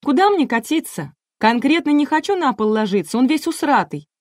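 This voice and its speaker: A woman's voice: high-pitched, big pitch swings, fairly quick, a little mellow, no room sound, clean studio sound, voice pushed up. A woman voicing a brash, crude young female pop singer in an audiobook, with coarse slangy outbursts. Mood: crude, flustered. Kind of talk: audiobook reading.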